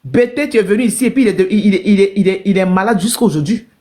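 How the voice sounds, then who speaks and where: A woman's voice: medium pitch, expressive, racing, dark tone. An emotional woman speaks straight to her live-stream viewers and keeps circling back over her own painful story. Her telling is repetitive and heartfelt, with frequent direct questions to the audience.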